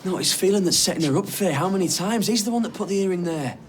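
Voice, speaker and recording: Exasperated loyal son, fast, high-pitched, reproachful, faint noise, TV soap. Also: male voice, expressive. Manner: reproachful, urgent. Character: exasperated sibling fiercely defending their mother. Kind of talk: naturalistic TV soap acting.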